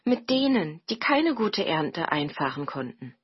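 A woman's voice: fairly low pitch, big pitch swings, unhurried, husky, highs cut off, exaggerated voice. A woman voicing a caring young village sister in a storybook reading, speaking earnestly.

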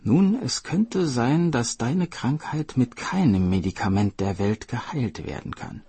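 A calm, mysterious spirit healer who lays out each word slowly, voiced by a man. The voice is husky and breathy, close and dry. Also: mid-range voice, dry recording, voice pushed up, heavily acted. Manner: slow and measured.

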